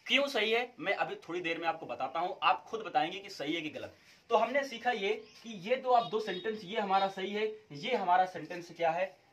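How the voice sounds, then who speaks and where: Male English teacher, fairly high voice, walks students through each point and quizzes them. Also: fairly bright tone. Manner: explains step by step, asks students questions and answers them himself. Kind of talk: classroom-style video lesson.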